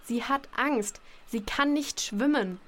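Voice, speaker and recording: A woman's voice: sits high, takes it slowly, a bit bright, heavily acted. A woman playing a guilt-ridden young female contestant in an audio drama who stammers and apologizes.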